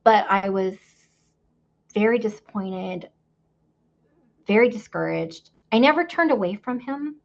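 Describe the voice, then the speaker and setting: A woman appears as a podcast guest, telling her faith story candidly and in a rambling way, with many fillers and laughs. Her medium-pitched voice is unhurried, with vocal fry and long pauses. The recording is muffled.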